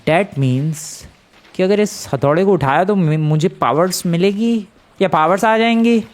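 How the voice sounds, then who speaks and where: A man giving casual game commentary, excitable and exclaiming, talking to his viewers as friends. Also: high-pitched, unhurried. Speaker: gameplay commentator.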